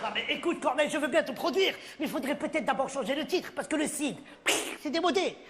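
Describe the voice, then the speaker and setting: An actor playing a streetwise theatre producer who talks in casual slang in a stage comedy sketch. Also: male voice, very high-pitched, expressive, fast talker. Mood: persuasive. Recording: live stage with audience noise.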